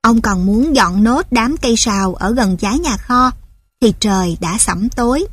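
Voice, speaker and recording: A woman reads a story aloud in a measured, steady storytelling manner. Her voice sits fairly high, and the recording is dry and close, with no room echo. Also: breathy edge. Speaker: narrator. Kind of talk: scripted story narration.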